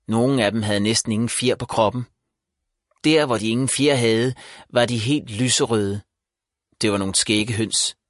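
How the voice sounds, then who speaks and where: A man narrating a children's story as an audiobook, in a calm, even storytelling manner. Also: mid-range voice, no room sound. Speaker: audiobook reader. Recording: dry close voice.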